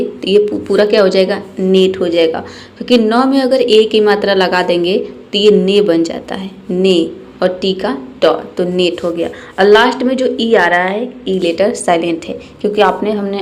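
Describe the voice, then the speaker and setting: Woman teacher, patient explainer, spells words out slowly and asks her own questions. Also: mid-range voice, darkish tone. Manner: spells words letter by letter, repeats them slowly. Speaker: English teacher. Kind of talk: spoken lesson on English pronunciation.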